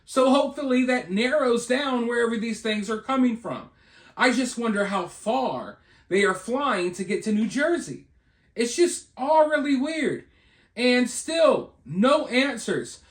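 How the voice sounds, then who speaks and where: At a measured pace and with lively intonation, a high-voiced American man hosts his channel's casual news commentary. He speculates conversationally and rhetorically, pausing to check in with listeners. The sound is roomy, with echo around him.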